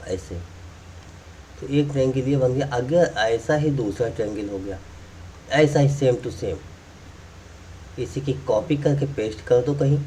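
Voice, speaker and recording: A man with a mellow, medium-pitched voice gives a classroom math explanation, working step by step as he draws and repeating key points. The mic is distant, with slight background noise.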